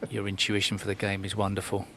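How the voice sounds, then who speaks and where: Male snooker commentator, fairly low pitch, measured and analytical, faint background noise. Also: monotone.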